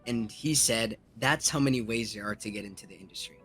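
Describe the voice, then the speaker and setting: A man's voice: lowish voice, fairly quick, fairly bright tone, soft background music. A man guest chatting casually about voice acting, rambling with many fillers. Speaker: guest, aspiring voice actor. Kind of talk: casual interview chat.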